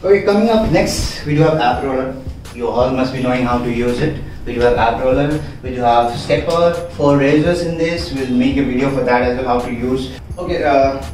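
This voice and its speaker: A man's voice: medium pitch, brisk, darkish tone, soft background music. A man, a fitness trainer walking through home gym equipment in a casual, explanatory way, recorded in a small room. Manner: explanatory, repeats "we do have". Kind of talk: equipment walkthrough. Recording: echoey room, distant from mic.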